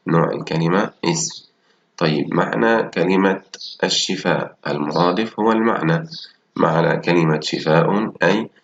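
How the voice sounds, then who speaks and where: A man teaching a primary school Arabic lesson, reading example words slowly and praising his pupils as he goes through textbook exercises. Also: deep voice, highs cut off. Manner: slow, drawn-out reading of example words and sentences.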